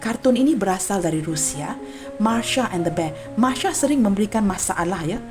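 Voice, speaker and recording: A woman gives a general tarot reading straight to her viewers in a gentle, unhurried manner. She keeps dropping a soft "ya" between her thoughts and calls her listeners friends. Clear background music plays behind her voice. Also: medium pitch, lively intonation. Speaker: tarot reader.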